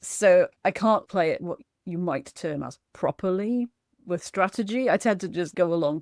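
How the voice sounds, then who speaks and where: A woman's voice: fairly low pitch, creaky, darkish tone, dry recording, clean studio sound. A woman chatting casually about games she played, self-deprecating and laughing often. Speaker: gaming vlogger and streamer. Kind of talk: casual chat reviewing games.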